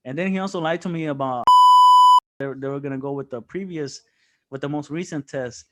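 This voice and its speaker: A man's voice: on the high side, a little fast, very noisy. A young man in casual podcast chat, telling a story with lots of swearing and laughter. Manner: animated storytelling, swears often, laughs a lot. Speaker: podcast co-host.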